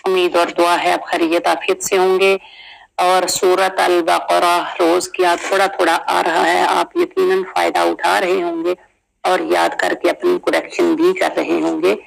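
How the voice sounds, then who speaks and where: A woman teaching Quranic recitation, explaining pronunciation briskly and then reciting verses slowly, drawing out each sound. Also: on the low side, little pitch movement, vocal fry, low-quality recording. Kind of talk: tajweed lesson.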